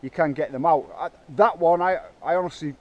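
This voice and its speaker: Man, casual vlog, slightly high voice, halting chatty talk, outdoors, handheld camera. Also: muffled recording. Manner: chatty, hesitant, self-talk while working. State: out of breath. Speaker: bike park builder. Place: outdoors in woods.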